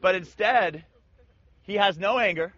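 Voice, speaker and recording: Animated high-voiced man retelling scripture. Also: measured pace, no echo. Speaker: Bible teacher. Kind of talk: casual Bible discussion. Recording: dull lo-fi sound.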